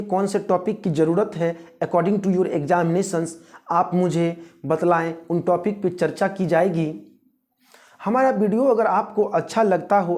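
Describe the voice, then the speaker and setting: Slow, mellow-voiced Indian male teacher. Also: high-pitched. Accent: Indian English. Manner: slow, drawn-out reading of example sentences, mixing English into instruction; quizzes listeners and pauses for guesses. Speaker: English teacher. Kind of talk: exam-prep grammar lesson.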